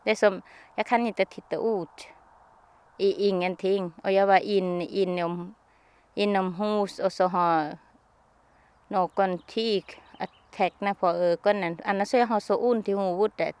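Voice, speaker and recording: In an interview, a woman recounts something she lived through, using simple, halting sentences and often starting over. Her medium-pitched voice is smooth and darkish, with a steady tone.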